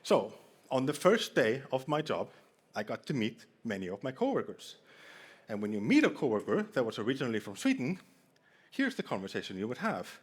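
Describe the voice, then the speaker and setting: With a husky, medium-pitched voice that is very animated, a man talks a little fast. He is a conference speaker from Iceland with an Icelandic accent, giving a jokey talk on a hall stage and bantering with the live crowd.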